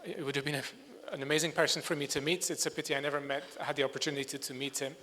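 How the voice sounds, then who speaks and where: This Scotsman's voice sits on the high side, level yet bright and forceful, and comes out rapid-fire. He's a bird sound recordist presenting in a reverberant lecture hall, faltering as he searches for words.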